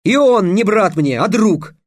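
Бойкий подросток-маг, обидчивый и громкий, как его читает мужчина; голос приподнятый, очень подвижный по интонации, запись сухая и близкая. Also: male voice, high voice, animated, darkish tone, dry recording, studio quality, pitched above the performer's own voice. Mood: indignant. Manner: exclaiming, quick to take offence. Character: proud, indignant teenage boy apprentice mage.

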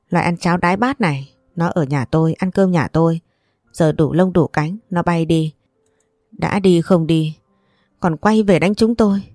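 A woman's voice: warm tone, no room sound, studio quality, lightly acted. Woman reading as a cursing old grandmother. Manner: cursing, shrill scolding. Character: furious, foul-mouthed old grandmother.

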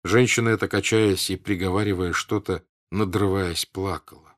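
A man narrating a classic novel in a measured, steady audiobook reading. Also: low voice.

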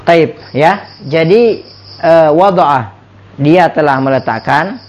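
A man's voice: a little high, slow, a little mellow, lo-fi sound, a little hiss or hum. A man with an Indonesian accent teaching an Arabic lesson, repeating words and quizzing his students. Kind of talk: classroom lesson.

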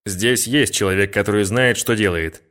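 A man's voice: mid-range voice, expressive, fairly quick, fairly bright tone, pitched above the performer's own voice, lightly acted. A male audiobook reader voicing a stern, cold male official who speaks curtly and with command. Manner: curt and commanding.

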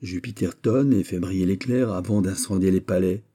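A sharp-witted young princess, arch and lightly mocking, her voice raised a little above a very dark, mellow base, as a male reader puts her on. She chides with knowing ease in a storybook reading. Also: sits low, moderate pace. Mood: teasing. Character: witty, teasing young royal princess.

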